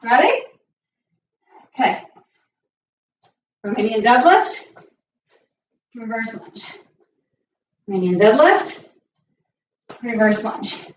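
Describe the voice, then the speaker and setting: A high-voiced woman coaches a home workout while doing the moves herself, short of breath as she counts off reps. She sounds a little far from the mic, in an echoey room. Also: very animated, slow, pauses often. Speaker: fitness coach. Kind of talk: live home workout instruction.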